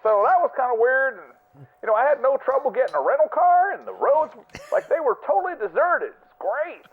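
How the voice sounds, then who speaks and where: Guy putting on a squeaky oblivious rambler leaving a voicemail, tinny phone sound. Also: expressive, fairly quick. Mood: oblivious cheer. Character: clueless man abroad, high-voiced, cheerful rambler. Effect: heard over a phone line as a voicemail. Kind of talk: comedic prank voicemail.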